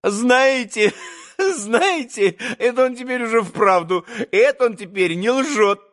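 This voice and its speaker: A man voicing an excitable young gentleman who talks eagerly in a childish, ringing voice. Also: measured pace. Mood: gleeful. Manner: eager, laughing, high and ringing.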